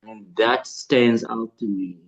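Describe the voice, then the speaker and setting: A man talking as a player in an online deduction game, his video-call audio breaking up, speaking haltingly with fillers and restarts. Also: on the low side, steady tone, dull audio. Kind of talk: casual video-call discussion.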